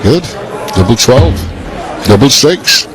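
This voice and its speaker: A man's voice: medium pitch, very animated, slow. A man co-commentating live on darts in a conversational style. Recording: commentary under loud crowd and music. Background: loud crowd and music.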